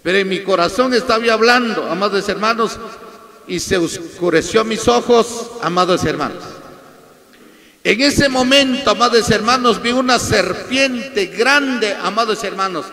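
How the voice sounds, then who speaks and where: A man's voice: sits high, measured pace, sharp tone. A man, a pastor, preaching a testimonial sermon with fervor, repeatedly addressing the congregation and calling out questions to them. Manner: fervent, repeats "amados hermanos" often. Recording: long reverb of a hall.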